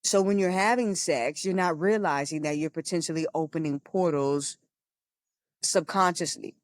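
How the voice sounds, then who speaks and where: A woman with a deep voice co-hosts a spiritual podcast, speaking at a moderate pace in clean, echo-free studio sound. Her casual spiritual talk is frank and earnest, with a teaching tone, some swearing, and lots of laughter.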